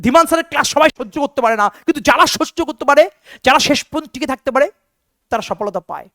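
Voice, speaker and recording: A man's voice: very high-pitched, racing, bright, forceful tone, no room sound, studio quality. A man teaching an online exam-prep lesson, drilling answers with repeated questions and calling his students "বেটা".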